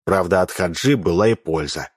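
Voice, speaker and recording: A man reading a story aloud, with animated storytelling. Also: deep voice, moderate pace, husky, no echo, clean studio sound. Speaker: audiobook reader. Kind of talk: expressive audiobook narration.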